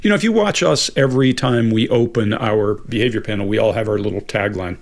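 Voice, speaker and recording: A man in his late fifties co-hosting a live Q&A over a video call, answering questions in a relaxed, explanatory way. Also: on the low side, quick pace, vocal fry. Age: 50s. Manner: relaxed, explanatory, laughs easily. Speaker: co-host. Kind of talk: casual live Q&A chat. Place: home office with bookshelves. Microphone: video call webcam.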